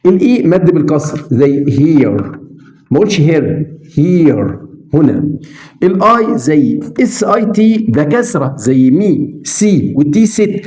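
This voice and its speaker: A middle-aged man with an Egyptian Arabic accent teaching beginner English phonics, repeating each sound slowly and speaking straight to the viewer. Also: on the high side, lively intonation, a little mellow.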